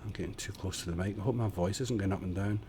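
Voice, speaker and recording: Here the voice sits low and dark, moving at a quick pace, with a little hiss or hum on the recording. It belongs to a man casually narrating a building-game stream from his home desk condenser mic, chatty, mumbling as he builds, and self-deprecating.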